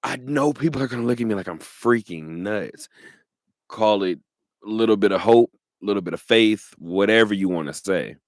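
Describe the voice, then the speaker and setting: Animated lower-voiced sports talk host. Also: male voice, normal speed, dry recording, clean studio sound. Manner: animated, laughing often, repeats points.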